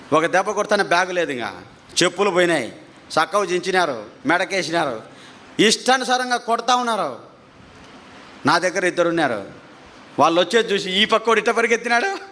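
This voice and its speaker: Emphatic man telling his testimony. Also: fairly high pitch. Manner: emphatic, repeats phrases, voice climbs when excited. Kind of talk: emotional testimony storytelling.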